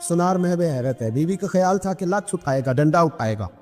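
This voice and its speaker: A man preaching an impassioned sermon, telling stories and acting out the quoted voices with sudden leaps upward in pitch. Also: expressive, darkish tone, in a large hall, faint music behind. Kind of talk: Urdu sermon with storytelling.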